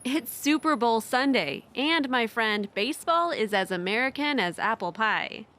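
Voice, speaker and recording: A woman's voice: a little high, animated, unhurried, fairly bright tone. An actress playing a confident young woman with a playful, self-assured manner in a scripted English dialogue scene. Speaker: dialogue character.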